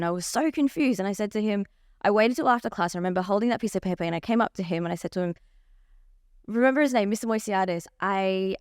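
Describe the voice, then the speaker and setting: A young Australian woman, a life coach appearing as a podcast guest, tells her story in an open, animated way. Her voice is mid-range. The clean studio sound has no echo.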